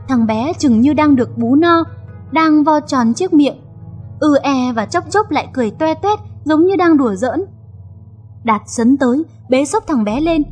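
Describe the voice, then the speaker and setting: High-voiced woman narrating a story. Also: darkish tone. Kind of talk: dramatic audio story narration.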